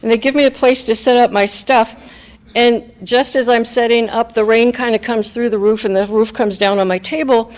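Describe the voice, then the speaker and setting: A woman's voice: on the high side, steady tone, normal speed, darkish tone. A woman speaking candidly and reflectively, in a conversational way, as she gives a personal recovery talk to a group. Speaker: speaker at a recovery fellowship meeting.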